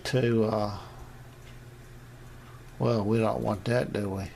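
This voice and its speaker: On a noisy home video shot in his indoor radio shack, a man rambles through a casual amateur radio demonstration to camera, hesitant, meandering and plain-spoken. His voice is fairly low, steady, slow and darkish, with vocal fry.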